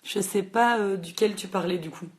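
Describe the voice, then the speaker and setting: A quick, chatty woman chats about books on a library's livestream. Her speech pours out in a rush, full of little fillers, in a casual tone that rings out into a phone mic. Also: medium pitch. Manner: fast-talking, chatty, lots of fillers. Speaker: librarian hosting a book chat. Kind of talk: casual livestream book chat.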